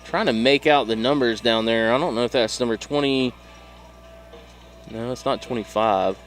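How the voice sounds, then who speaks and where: A man with a Southern US accent calling play-by-play for a high school football game in a steady, measured way. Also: faint music behind. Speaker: play-by-play announcer.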